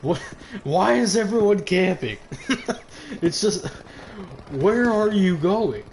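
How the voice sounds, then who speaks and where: A young man commentates a live online match with frequent laughs, exclamations and swearing. He is out of breath, and his slightly high voice moves at an unhurried pace. A faint hiss sits behind him. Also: expressive, vocal fry, a little mellow. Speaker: match caster. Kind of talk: excited live game commentary.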